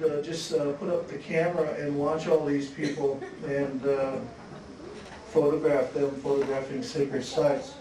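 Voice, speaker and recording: A man presenting his photographs at a symposium, talking in a relaxed, halting way with many restarts and chuckles. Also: a little high. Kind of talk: slide talk at a symposium. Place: museum lecture hall. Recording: echoey hall, distant mic, faint hiss.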